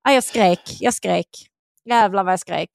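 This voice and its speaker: A woman's voice: mid-range voice, gravelly, no echo, clean studio sound. A woman co-hosting a podcast in casual chat, telling stories bluntly and swearing freely. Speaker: podcast co-host.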